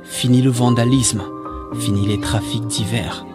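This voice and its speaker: A man's voice: medium pitch, steady tone, unhurried. A man reading a scripted monologue in a solemn, exhorting manner with rhetorical repetition. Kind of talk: scripted spoken-word monologue. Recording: music behind the voice.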